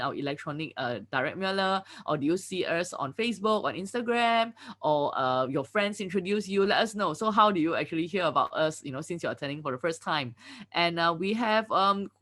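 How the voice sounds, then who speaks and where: A woman hosts a live online webinar on a video call mic, upbeat and chatty, filling her speech with "you know, like, uh." Her voice sits on the low side and is a bit bright.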